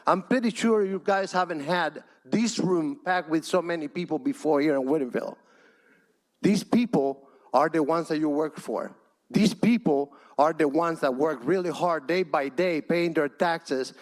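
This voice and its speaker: A Spanish-speaking man from Cuba with a Cuban Spanish accent gives an impassioned, pleading public comment at a city council meeting, repeating his points. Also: fairly high pitch. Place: council chamber.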